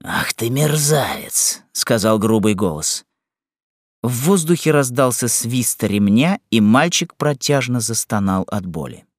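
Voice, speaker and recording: Man narrating a classic novel, slow pace, lively pitch, dry close recording. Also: no echo. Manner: measured, expressive reading.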